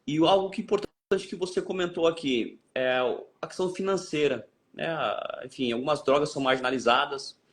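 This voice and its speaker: A man's voice: a little high, brisk, hardly any pauses, fairly bright tone. A man with a Brazilian Portuguese accent, hosting a podcast and reasoning aloud in a thoughtful, hesitant way. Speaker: podcast host. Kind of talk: reflective interview talk.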